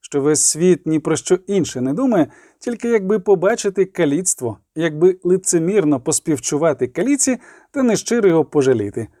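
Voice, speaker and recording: A man narrates an audiobook with an expressive, dramatic delivery and a warm, mellow tone. His voice sits a little high for a man and moves freely. The recording is dry and close. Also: fairly quick, no room sound.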